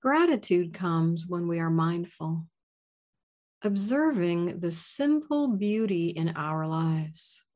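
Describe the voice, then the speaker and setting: A woman leading a guided gratitude meditation in a soft, soothing voice. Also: fairly low pitch, animated, slow.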